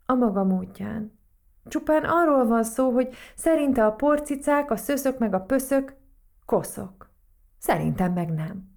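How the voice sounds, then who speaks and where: A woman's voice: on the high side, lively intonation, gravelly, darkish tone, voice pushed up. A woman voicing a fretful, kindly witch in a storybook reading, worried and earnest.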